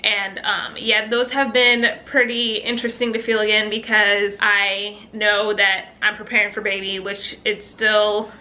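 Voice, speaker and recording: A woman's voice: mid-range voice, flat delivery, measured pace, few pauses, sharp tone. A young woman vlogging, talking casually to camera in a chatty, upbeat way with bits of laughter.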